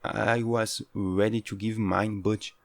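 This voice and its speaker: A man's voice: on the low side, level tone, takes it slowly, vocal fry, no room sound. A man playing an obsessive, hot-headed, possessive yandere lover with intense, pleading devotion in a dramatic audio role-play. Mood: brooding devotion.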